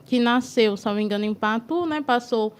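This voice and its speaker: A woman's voice: a little high, fairly quick. Woman with a lightly raised voice, explaining history. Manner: lecturing, frequent tag "né". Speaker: guest historian. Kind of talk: explanatory talk-show interview. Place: TV studio.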